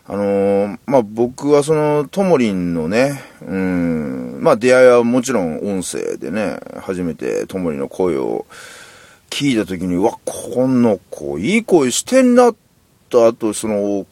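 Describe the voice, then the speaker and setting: A man's voice: fairly low pitch, very animated, a little slow, darkish tone, no room sound. A man with a Kansai accent hosting a solo podcast, talking in a rambling, candid and self-deprecating way. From Kansai, Japan. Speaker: podcast host. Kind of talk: casual solo podcast monologue.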